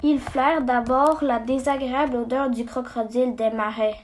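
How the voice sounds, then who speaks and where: A woman reading a children's story aloud, slow and halting, stumbling and restarting words. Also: high-pitched, fairly even intonation. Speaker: story reader.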